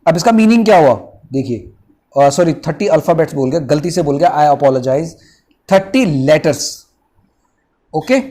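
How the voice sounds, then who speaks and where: A young man with an Indian accent teaching English vocabulary in an online lesson, slowly splitting long words into syllables with many fillers. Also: on the high side, lively intonation, dark tone. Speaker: English teacher for exam prep.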